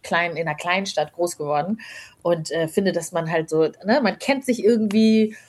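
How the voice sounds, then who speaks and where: Husky-voiced woman chatting reflectively. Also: on the low side, moderate pace, darkish tone. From Rwanda. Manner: reflective, many fillers and hedges. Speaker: guest. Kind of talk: casual interview chat.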